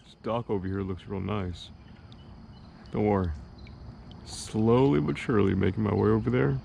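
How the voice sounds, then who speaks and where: A man's voice: fairly low pitch, normal speed, vocal fry, dark tone. A young man giving casual running commentary while fishing from a kayak on a lake, chatty and self-deprecating, talking to himself and to the fish. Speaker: fishing vlogger. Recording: outdoor water noise behind voice. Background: water and outdoor ambience.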